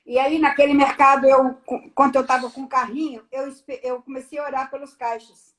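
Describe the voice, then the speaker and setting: High-voiced woman giving a testimony. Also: fairly quick. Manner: animated storyteller, acts out the dialogue. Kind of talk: personal testimony on a live stream.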